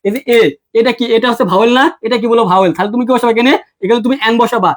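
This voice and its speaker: A young male English tutor runs briskly through a grammar lesson for online exam prep, his voice sitting very high for a man. He fires the same question repeatedly and answers it himself, calling the viewer brother throughout.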